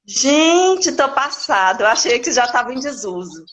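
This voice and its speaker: A woman's voice: on the high side, sing-song, a little slow, a crowd in the background. A woman in her forties from Minas Gerais, a guest chatting candidly in an interview, often restarting her sentences. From Minas Gerais, Brazil. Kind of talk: casual interview chat.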